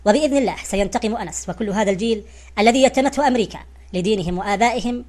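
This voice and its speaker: Fast-reading woman narrator. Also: medium pitch, darkish tone. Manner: formal literary recitation. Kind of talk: scripted narration.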